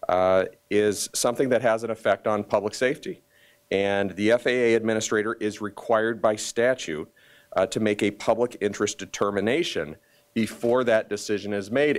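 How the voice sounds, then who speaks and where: A man speaks as a county official at a press conference, delivering a formal statement in a lowish voice. He is deliberate and emphatic, pausing often.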